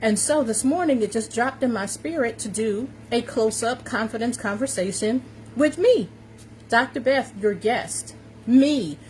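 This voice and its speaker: Speaking at a moderate pace in a fairly high voice, this American woman of fifty-five, a New York City confidence coach, hosts a casual livestream from a warm room. The audio is poor with a constant fan hum, and she talks to viewers emphatically and cheerfully, repeating phrases often.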